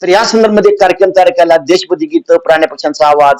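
A man's voice: on the high side, racing, a little mellow, poor audio. A man, a retired soldier giving earnest interview answers and often restarting phrases. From Sangli district, Maharashtra. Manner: earnest, repeats and restarts phrases, rises when stressing points.

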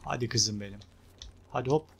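A young man casually commenting on his own gameplay, chatty and excitable, talking to his viewers and urging on the game character. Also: mid-range voice, fairly quick, vocal fry, a little hiss or hum. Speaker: gameplay video host. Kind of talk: casual let's-play commentary.

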